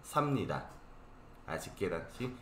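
A man's voice: low voice, very animated, measured pace, a bit bright, echoey room, a little hiss or hum. A man with a Korean accent teaching a live online Korean class, explaining patiently and checking in often with his students.

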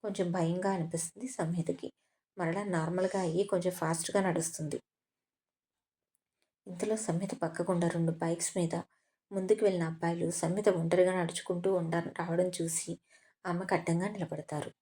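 Woman reading out a story, steady and even, low warm voice. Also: a little fast. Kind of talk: scripted narration.

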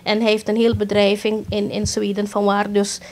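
A middle-aged woman with a Surinamese Dutch accent, telling an interviewer about her own accident in a halting way with many restarts. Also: medium pitch, completely flat delivery, a little mellow. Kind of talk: emotional first-person account in an interview.

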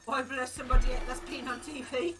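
A woman with a high voice chats casually while she plays a game with her partner. She argues and needles in an offhand way, and clear music plays behind her. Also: little pitch movement, fast. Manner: argumentative, needling. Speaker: co-player. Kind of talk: casual chat over gameplay.

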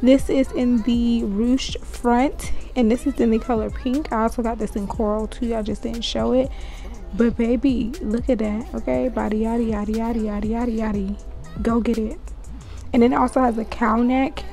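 A young woman, chatting excitedly to her viewers as she shows off her clothing haul. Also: a little high, normal speed, gravelly, soft background music, rough recording. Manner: chatty, hyped, talks straight to viewers. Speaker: fashion vlogger. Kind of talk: casual haul vlog.

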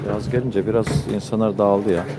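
A man with a fairly low voice makes casual, chatty remarks. Loud background noise runs all through the recording. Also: steady tone, brisk. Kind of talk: casual chat. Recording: very noisy market background.

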